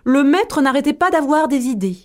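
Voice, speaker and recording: A woman storyteller narrating a tale in a measured, expressive way. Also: high voice, background noise.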